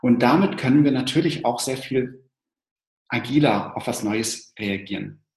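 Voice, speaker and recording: With a medium-pitched, slightly mellow voice at a normal speed, this male co-presenter works through explanations for an online audience, thoughtful and occasionally restarting. The sound carries a roomy echo.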